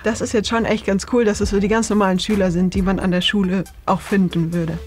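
A woman's voice: medium pitch, level tone, fast talker, soft background music. A woman in her late twenties chatting casually in a documentary interview, with many fillers and frequent laughs. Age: 20s. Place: cinema auditorium.

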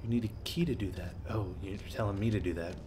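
Low-voiced, wry male gamer. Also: fast talker, very noisy. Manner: wry, quipping. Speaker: video game player and commentator. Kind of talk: casual let's play commentary.

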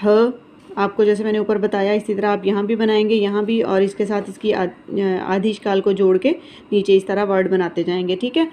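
A woman teaching young children in a recorded lesson, sounding out letters slowly and checking in often. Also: medium pitch, flat delivery, warm tone, slight background noise. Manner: patient, repeats letter sounds slowly, checks in with "theek hai".

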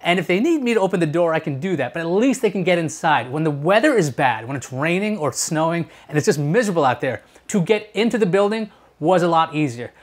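Speaking fast and animatedly with few pauses, this tech show host has a slightly high voice. He's in his thirties, reviewing tech casually to camera indoors in a small furnished home room, chatting, explaining and frequently asking rhetorical questions.

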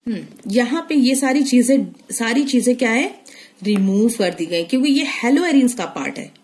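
A woman's voice: fairly high pitch, animated, moderate pace, darkish tone. A woman chemistry teacher walks students through a syllabus, repeating key points and checking in often. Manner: explanatory, repeats key points, frequent "theek hai" check-ins. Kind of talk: online syllabus lesson.

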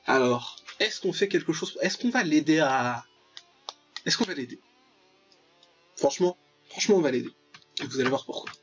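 With lively intonation and a moderate pace broken by long pauses, a young man with a slightly high voice hosts a gaming video on a visual novel. He keeps things casual, jokey and mock-dramatic, reading text aloud and muttering to himself. The voice audio is dull and lo-fi, while the music underneath is clear.

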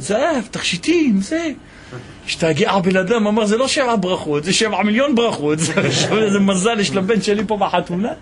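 High-voiced rabbi telling a lively story. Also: male voice, slight background noise. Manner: animated storytelling, voicing the people in the tale. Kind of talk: Torah lesson storytelling.

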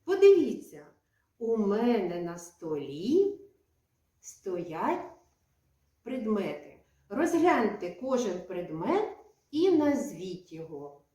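Woman kindergarten teacher, real slow and singsongy, drawn-out words, kinda far from the mic. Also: mid-range voice, very animated, mellow. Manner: slow, clear, sing-song teacherly speech with drawn-out words. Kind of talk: preschool lesson addressed to children. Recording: echoey room, voice from a distance.

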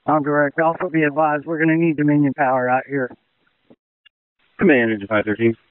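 Urgent firefighter on narrowband radio, higher-pitched man. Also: steady tone, brisk, clear, resonant tone, no room sound. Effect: two-way radio transmission. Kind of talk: emergency radio traffic, terse reports. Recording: narrowband fire radio transmission.

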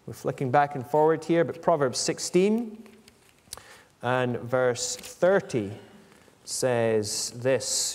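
A man in his forties preaches an expository sermon, reading out scripture and explaining it in a measured manner. He speaks at medium pitch from a lectern in an indoor church hall into a stand-mounted microphone, and the recording carries long, echoey reverb.

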